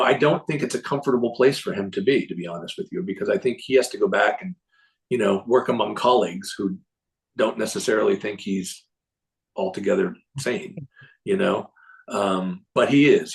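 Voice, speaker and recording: A man giving a casual, rambling recap of a symposium to a group, often clearing his throat and restarting sentences. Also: fairly low pitch, brisk, low-quality recording. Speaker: presenter reporting on a symposium.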